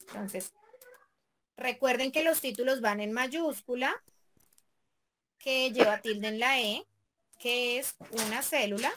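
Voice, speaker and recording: Woman teacher, high voice, patient, step-by-step class walkthrough, frequent check-ins. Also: slow, pauses often, fairly bright tone. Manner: patient, checks in often with "¿listo?".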